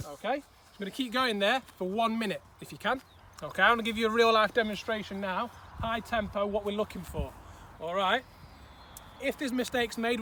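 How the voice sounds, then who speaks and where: A man coaching a football drill outdoors, explaining and demonstrating with frequent "okay" and "all right". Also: very high-pitched. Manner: instructive, repeats okay and all right often. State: out of breath at times. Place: outdoor pitch. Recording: distant mic, outdoor noise.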